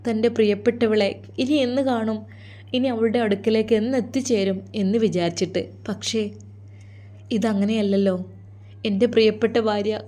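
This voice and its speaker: Woman, emotive dramatic narration, dark warm voice, mid pitch. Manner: emotive, earnest. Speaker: storyteller.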